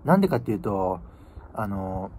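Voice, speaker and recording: Animated young man chatting outdoors. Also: fairly low pitch, moderate pace. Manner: informal, slangy, musing. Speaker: vlogger. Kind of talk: casual chat to camera. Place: outdoors by a building in winter. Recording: outdoor ambient noise, phone microphone.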